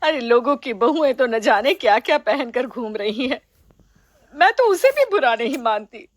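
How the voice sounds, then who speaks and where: A woman's voice: sits high, big pitch swings, moderate pace, no echo, clean studio sound. Kindly, patient mother-in-law, as a woman plays her. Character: kind, open-minded middle-aged mother-in-law. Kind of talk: storybook voice acting.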